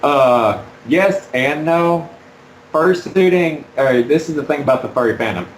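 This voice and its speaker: A man being interviewed about fursuiting while wearing a fursuit head, talking in a halting, rambling way with many fillers. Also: fairly high pitch, lively intonation, reverberant, slight background noise, poor audio. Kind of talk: casual interview.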